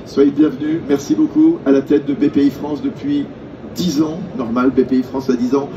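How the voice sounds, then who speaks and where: A male host leads an interview on a conference main stage. He is enthusiastic and halting, with plenty of fillers, and his mid-range voice sits at a distance from the mic. Steady event noise fills the background. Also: medium pitch.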